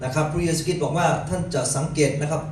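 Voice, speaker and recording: A man's voice: fairly high pitch, fairly even intonation, rapid-fire, darkish tone. A man interpreting a sermon phrase by phrase for a congregation, addressing them politely and often. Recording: very echoey hall, distant, noisy.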